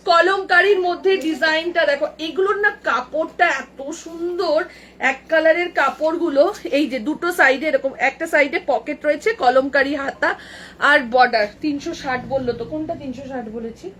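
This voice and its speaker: High, bright woman selling clothes live. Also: slight background noise. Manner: brisk, repeats prices, chats with helpers and viewers. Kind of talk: live sales patter. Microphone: earbuds mic.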